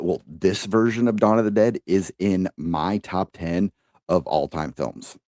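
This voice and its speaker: Deep, slow-talking man podcaster. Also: darkish tone, dry recording, studio quality. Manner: enthusiastic, swears freely, laughs often. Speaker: podcast co-host. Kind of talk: casual chat.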